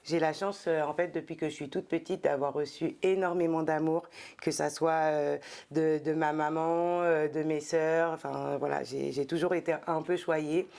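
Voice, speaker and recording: A middle-aged woman from France tells her story in an interview with a low, gravelly voice. She speaks thoughtfully, pausing often and filling the gaps with hesitations. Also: steady tone, darkish tone. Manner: thoughtful, many hesitations and fillers. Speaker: guest, entrepreneur and former specialized educator. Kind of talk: casual interview talk.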